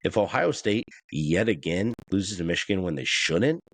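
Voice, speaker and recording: Low-voiced animated sports podcast host. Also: male voice, moderate pace, no echo. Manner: animated, rambling, laughs often. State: a bit out of breath. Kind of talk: casual sports chat.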